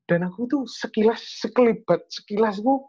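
A man's voice: sits high, brisk, mellow, breathy edge. Earnest young East Javanese man, lo-fi. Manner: earnest, rambling, mixes in Javanese slang. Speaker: storyteller sharing a testimony. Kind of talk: casual chat.

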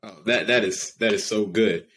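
A man's voice: fairly low pitch, normal speed, fairly bright tone, husky, low-quality recording. A man in his early thirties hosting a faith podcast, enthusiastically praising what his guest says and tying it back for listeners. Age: 30s. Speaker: podcast host. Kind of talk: casual interview.

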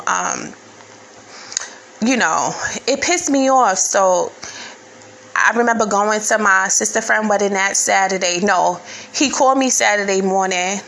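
A woman's voice: mid-range voice, vocal fry, fairly bright tone. A woman in her thirties telling a personal story in a candid, casual, profane way, full of fillers.

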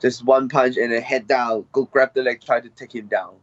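The recording is dry, dull and lo-fi, without any room sound, as a young MMA fighter with a Hong Kong accent is interviewed casually. His medium-pitched voice keeps a fairly even intonation, and he hesitates a lot, using many fillers in non-native English.

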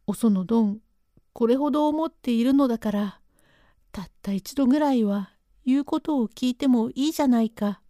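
A woman's voice: on the high side, moderate pace, warm tone, no room sound, studio quality, natural voice. A woman voicing a desperate young male servant who pleads insistently. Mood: pleading.

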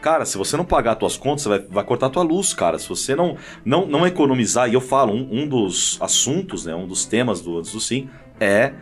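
Animated man telling stories. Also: fast talker, soft background music. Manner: animated storyteller, jumps high when telling a funny story. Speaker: pastor and guest. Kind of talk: casual conversation with anecdotes.

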